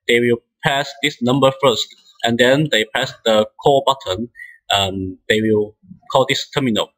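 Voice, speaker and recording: Demonstrating software step by step, this instructor is not a native English speaker and speaks haltingly, frequently restarting. The man's voice is forward and bright with a middling pitch, captured on a low-quality recording.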